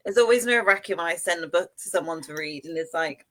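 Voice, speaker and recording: A woman's voice: lowish voice, a little fast, fairly bright tone, low-quality recording. A woman appearing as an author guest on a video call interview, giggly and prone to tangents. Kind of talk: casual interview chat.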